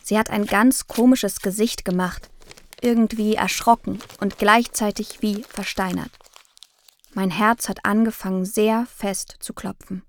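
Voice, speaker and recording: A woman calmly narrating a children's audiobook in the first person. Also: medium pitch, a little slow, slight background noise.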